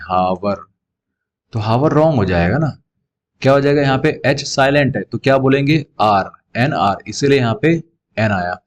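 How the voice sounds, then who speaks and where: Slow, patient grammar teacher. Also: male voice, medium pitch. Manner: slow, repeats and drills words and sounds, asks questions and answers them himself. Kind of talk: classroom lesson explaining grammar.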